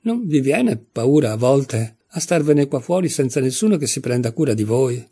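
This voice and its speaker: Storybook Alice, a curious polite girl, read by a man, raised voice, husky, earnest questions. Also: medium pitch, animated, moderate pace, warm tone.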